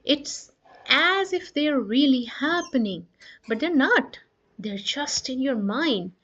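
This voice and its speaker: A woman voicing a calm, reassuring father bear in a storybook reading. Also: high-pitched, takes it slowly, voice pushed up, full character voice. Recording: dull lo-fi dry recording.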